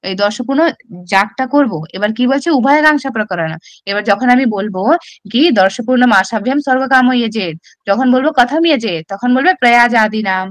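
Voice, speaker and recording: A woman's voice: a little high, fast, no room sound. A woman teacher with a Bengali accent explains a classical text step by step in an online exam-prep class, often asking rhetorical questions.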